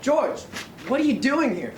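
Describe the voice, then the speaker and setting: A man's voice: extremely high pitch, big pitch swings, unhurried, a little hiss or hum, heavily acted. A man playing an easygoing small-town police officer in an amateur stage play, puzzled and matter-of-fact. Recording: echoey stage heard from afar.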